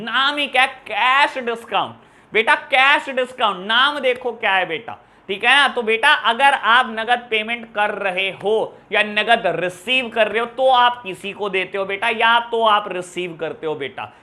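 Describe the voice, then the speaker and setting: A man's voice: high-pitched, unhurried, few pauses, bright, forceful tone. A man teaching an accounts lesson, talking fondly to his students and mixing with terms. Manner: affectionate, calls students "my dear children". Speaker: commerce teacher. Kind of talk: classroom lesson explaining journal entries.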